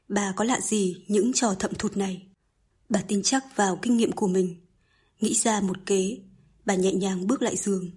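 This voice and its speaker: A woman narrating a novel in an even, measured storytelling manner. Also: mid-range voice, slightly rough. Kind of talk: scripted audiobook narration.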